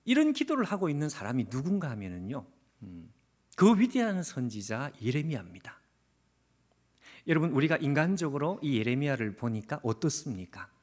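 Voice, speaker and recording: A man preaching a revival sermon as a pastor, earnest and questioning the congregation directly, sometimes dropping to a hushed near-whisper. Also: mid-range voice, huge pitch swings, normal speed. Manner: speaks Jeremiah's prayer as his own, dropping to a hushed near-whisper. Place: church sanctuary.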